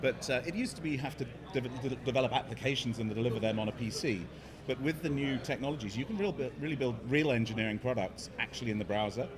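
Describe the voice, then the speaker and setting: Talking fast at medium pitch, a middle-aged man from England with an English accent describes his startup's work as its CEO. It's a conference interview recorded indoors in a busy hotel conference hall, noisy with crowd chatter.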